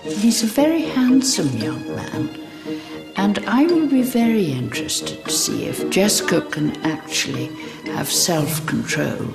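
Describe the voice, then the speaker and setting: A woman principal speaks in measured interview remarks. Her low voice is slow and creaky, with prominent music underneath. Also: big pitch swings. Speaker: school principal.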